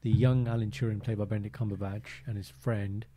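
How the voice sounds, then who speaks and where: A man's voice: fairly low pitch, brisk. A man, co-hosting a casual podcast from home, telling stories with playful energy and joking asides. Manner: animated, jokey storytelling with playful put-on accents. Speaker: podcast co-host. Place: home room, indoors. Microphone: desk mic on boom arm.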